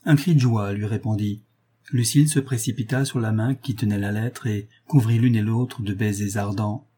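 Male audiobook narrator, measured novel reading, mellow and husky. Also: mid-range voice.

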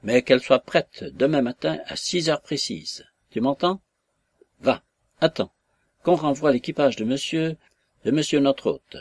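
A man's voice: medium pitch, lively intonation, unhurried, no room sound. A man voicing an elegant, self-important statesman who gives orders and talks down to his guests, in a read-aloud novel. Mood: commanding. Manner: commanding, pompous, condescending.

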